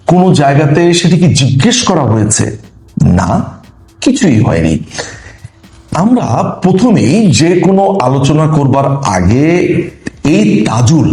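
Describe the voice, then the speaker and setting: A man delivers political commentary straight to his viewers, his pitch rising and falling in a very lively way. He pushes his points with emphatic rhetorical questions, and the voice rings in a roomy echo. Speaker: talk show host.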